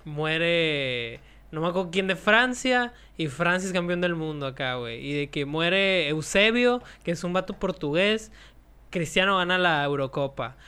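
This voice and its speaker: A man's voice: fairly high pitch, animated, unhurried, bright, forceful tone, clear, resonant tone. A young Mexican man with a Mexican accent, chatting casually and joking in heavy slang. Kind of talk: casual chat.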